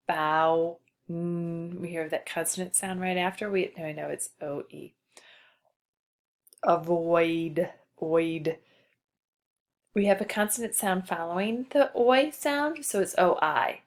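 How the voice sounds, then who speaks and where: A woman teacher giving a patient spelling lesson to a child, slowly spelling out letters. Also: fairly low pitch.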